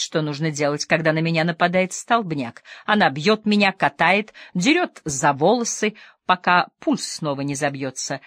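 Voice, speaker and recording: A feverish, tormented lady lost in opium dreams, as a woman reader puts her on. She pleads and yearns in a low voice, swinging between hushed murmurs and sudden outbursts. The audiobook reading sounds close and dry. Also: no room sound. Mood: pleading.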